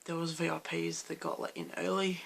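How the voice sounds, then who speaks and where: A young Australian man with a hoarse, croaky voice, chatting loosely in a late-night vlog and rambling through restarts. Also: fairly high pitch, level tone, brisk, a bit bright, a little hiss or hum. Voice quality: gravelly fry. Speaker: vlogger.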